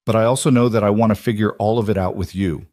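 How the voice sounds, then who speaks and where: A man's voice: lowish voice, steady tone, fast talker, a little mellow, no room sound, studio quality, natural voice. A man voicing a nervous but heartfelt man proposing, speaking tenderly in a storybook reading. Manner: earnest, tender.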